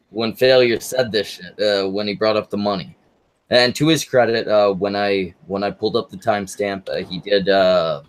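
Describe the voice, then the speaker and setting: Male stream host, on the low side, halting delivery, heavy swearing, casual group-call chat. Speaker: livestream host.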